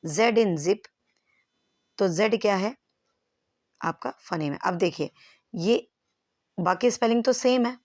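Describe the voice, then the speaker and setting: A woman's voice: mid-range voice, darkish tone, dry recording. Woman teacher, exam-prep lesson, dry close sound, step-by-step explaining. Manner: explains step by step, checks in with "clear?".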